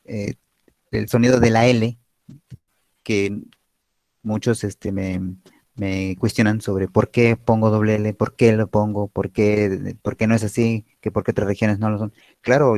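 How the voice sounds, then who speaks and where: A man's voice: lowish voice, darkish tone, no room sound. Patient Mexican man explaining pronunciation. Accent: Mexican Spanish. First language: Nahuatl. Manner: patient, didactic, many fillers and "¿sí?" checks. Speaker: Nahuatl-speaking teacher. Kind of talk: explanatory talk at an online panel.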